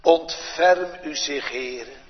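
A pastor praying aloud from the pulpit in a slow, solemn litany of petitions, recorded in a large church. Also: male voice, a little high. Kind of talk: pulpit prayer. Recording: dull lo-fi church recording with long reverb.

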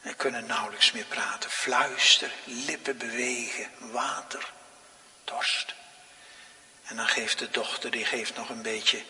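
Slow-preaching pastor in a hall. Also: male voice, medium pitch. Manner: slow, dramatic swings from soft to loud. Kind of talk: sermon. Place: church. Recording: long reverb of a large hall.

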